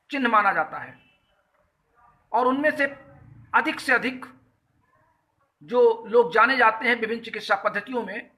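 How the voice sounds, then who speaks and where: A man's voice: very high voice, sharp tone, rough recording. A middle-aged man from Uttar Pradesh with a Hindi accent of that region, hosting a live call-in health talk, greeting callers and explaining an article point by point in an earnest tone. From Uttar Pradesh, India. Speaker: host of a health talk show.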